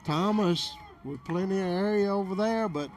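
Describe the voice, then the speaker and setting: A man's voice: high-pitched, normal speed. A man giving play-by-play baseball commentary for local television from an outdoor game.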